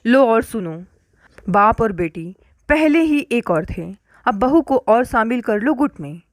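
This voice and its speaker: Nagging old mother-in-law, woman reading her lines, scolds nonstop, highish voice, dry sound. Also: lively intonation, slow pace, dry recording. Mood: scolding. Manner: scolding, complaining. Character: nagging older mother-in-law, sharp-tongued.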